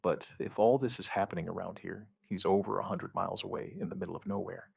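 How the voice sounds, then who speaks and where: In the style of an apocalyptic audio drama, a man plays a steady, protective partner who survived an outbreak, recalling its first days in measured, plain sentences full of quiet understatement. His low, gravelly voice is exaggerated and recorded close and dry. The mood is firm and reassuring.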